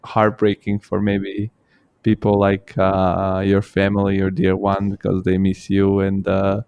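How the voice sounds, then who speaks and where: A man's voice: low-pitched, monotone, unhurried, clean tone, dry recording, lo-fi sound. A man who grew up in Italy, hosting a casual interview and talking hesitantly with many fillers and restarts. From born in Bulgaria, grew up in Italy. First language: Bulgarian or Italian. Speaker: podcast host.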